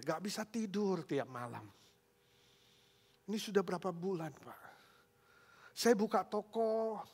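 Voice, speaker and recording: A man's voice: high voice, gravelly, voice pushed up. A man voicing a frightened, tearful shopkeeper who pleads for prayer and keeps calling the listener sir. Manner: pleading, tearful, repeated "Pak".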